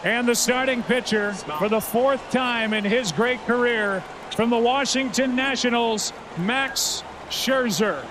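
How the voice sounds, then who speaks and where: A man working as a stadium announcer, introducing lineups in a booming, showy arena style and drawing out names over the PA. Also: slow. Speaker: stadium public address announcer. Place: large open-air stadium, over the PA. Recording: noisy stadium PA with loud ambience.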